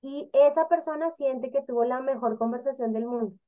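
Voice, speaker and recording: A woman co-hosting a casual panel talk, explaining emotions in an animated way and acting out the people she quotes. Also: high-pitched, normal speed. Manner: animated, acts out quoted voices. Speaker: co-host.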